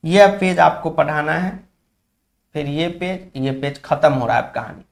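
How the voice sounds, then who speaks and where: A man's voice: on the high side, a little slow, creaky. Man teaching. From Bihar, India. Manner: explains word by word, repeats points to students. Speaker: Sanskrit teacher. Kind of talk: online class lecture.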